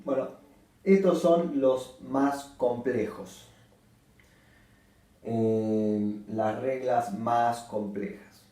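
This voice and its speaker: A man teaching a Spanish grammar lesson at a board, speaking slowly and deliberately and repeating each example word. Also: mid-range voice, dark tone, distant mic. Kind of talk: slow whiteboard grammar lesson. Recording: very echoey room, voice from off the mic.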